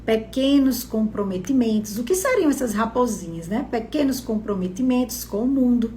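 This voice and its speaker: A woman's voice: fairly high pitch, lively intonation, normal speed, mellow, slight background noise. A woman teaching a church Bible study in a conversational way, often checking in with her listeners. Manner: conversational, asks questions, often adds "né?". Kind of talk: teaching on a Bible passage in a church live stream.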